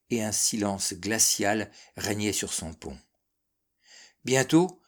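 A man narrating a classic seafaring novel as an audiobook, measured and expressive. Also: fairly low pitch. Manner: measured, expressive reading that darkens and softens in sad passages.

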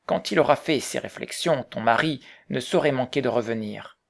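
A man reading the part of an old Quaker, earnest and gently reproachful, in an audiobook. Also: mid-range voice, moderate pace, vocal fry.

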